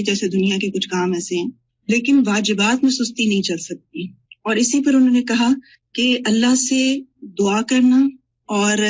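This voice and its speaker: A woman with a husky, breathy voice speaks earnestly in a religious class discussion, recounting points from a lecture as a student. The recording sounds dull and lo-fi. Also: fairly high pitch.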